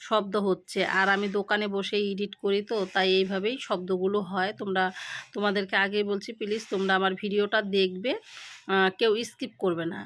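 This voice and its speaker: A middle-aged woman vlogging about her day at home, talking slowly and haltingly with pauses while she has a headache, filmed on a phone set down nearby. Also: medium pitch, little pitch movement, fairly bright tone, slight background noise. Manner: slow, halting talk with pauses. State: unwell with a headache. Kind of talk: casual daily-life vlog. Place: home kitchen and village shop.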